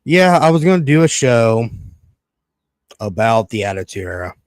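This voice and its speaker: A man in his early thirties hosts a podcast in a casual, chatty way, ranting and telling stories with plenty of swearing and acted-out, quoted reactions. His mid-range voice moves at a moderate pace, and the recording is dry.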